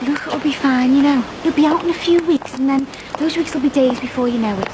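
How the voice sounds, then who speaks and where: Actress as a placating young girlfriend, high voice, soap realism, noisy surroundings. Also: a little fast, lightly acted. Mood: coaxing. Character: placating, chatty young woman, a loyal girlfriend. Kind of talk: naturalistic TV soap drama. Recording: clearly noisy ambience.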